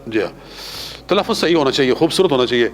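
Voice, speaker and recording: Urdu cleric teaching pilgrimage rites. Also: male voice, mid-range voice, animated. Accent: Punjabi-influenced Urdu. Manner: has listeners repeat prayers after him, slow and drawn out. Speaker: religious teacher. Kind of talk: teaching a class.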